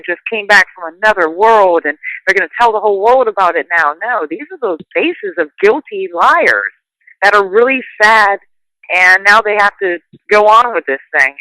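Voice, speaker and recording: A woman's voice: mid-range voice, pushed and bright, no room sound, rough recording. A woman hosting a casual conversation, talking earnestly and emphatically in long run-on thoughts. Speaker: host.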